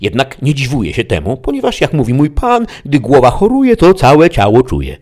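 A man's voice: medium pitch, wildly swooping pitch, normal speed, darkish tone. A man reading an audiobook aloud, voicing a crude, talkative peasant squire in a raised, folksy, complaining tone.

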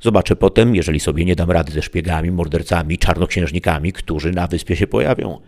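A man voicing a blustering, hungry peasant-governor who grumbles indignantly and loudly. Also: deep voice, fast. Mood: pompous. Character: blustering hungry peasant-governor Sancho, male, middle-aged.

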